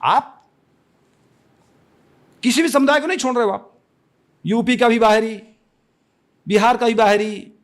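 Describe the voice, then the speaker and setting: Man, Chhattisgarh Hindi accent, podcast guest, impassioned, declamatory, repeats himself, slightly high voice. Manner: impassioned, declamatory, repeats phrases with many restarts. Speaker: interview guest. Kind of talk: podcast interview.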